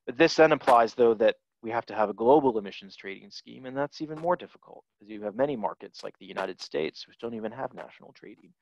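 A man's voice: mid-range voice, big pitch swings, quick pace, creaky, hardly any pauses. Man on a headset answering questions. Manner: thoughtful, fluent with fillers. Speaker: guest lecturer. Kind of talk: academic Q&A answer. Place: office with posters on the wall. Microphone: headset on a video call. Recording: dull video call audio.

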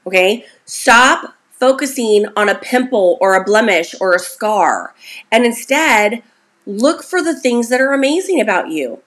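A woman in her forties talks straight to camera, coaching her viewers on self-worth. She is chatty and encouraging and keeps checking in with a quick "okay?". Her voice sits a little higher than most. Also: very animated, a bit bright. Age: 40s. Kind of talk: casual motivational talk to camera.

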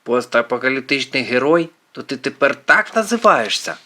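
A man's voice: mid-range voice, very animated, a little slow, fairly bright tone, slight background noise. A man voicing a brainy, precise teenage boy with a fussy, lecturing manner in an audiobook. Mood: wry. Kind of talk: audiobook character voice.

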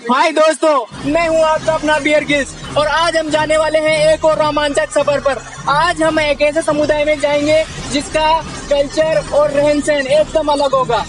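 A man's voice: very high-pitched, little pitch movement, moderate pace, over music. A young man narrating a mock-serious survival-show spoof as he walks through an outdoor street market. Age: young adult. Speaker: comedy vlogger.

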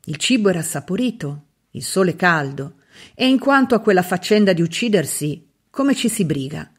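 A woman narrating a literary novel as an audiobook reader, in a measured, expressive reading with dramatic pauses. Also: fairly low pitch, breathy edge.

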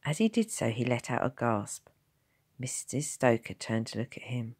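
A woman's voice: a bass voice, big pitch swings, normal speed, a little mellow, husky. A woman teacher reading a novel aloud, narrating expressively and voicing each character. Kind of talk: storybook narration.

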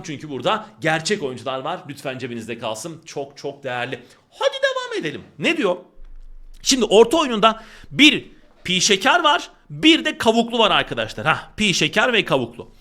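Lively, bright-voiced male literature teacher. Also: high voice. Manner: animated, emphatic, repeats warnings to the class. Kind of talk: exam-prep lesson.

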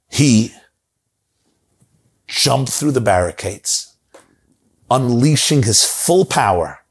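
A man's voice: mid-range voice, slightly rough. A middle-aged man telling a story in a dramatic, repetitive way, recorded with a lapel mic in a study lined with bookshelves. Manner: dramatic, repetitive, gesturing broadly. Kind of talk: animated storytelling.

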